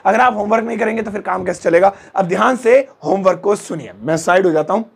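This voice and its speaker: A young man teaching English phrases in a playful, joking way, slowly drawing out his example sentences. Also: sits high, creaky. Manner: joking, drawn-out example phrases, chatty asides. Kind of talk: playful Hindi English lesson.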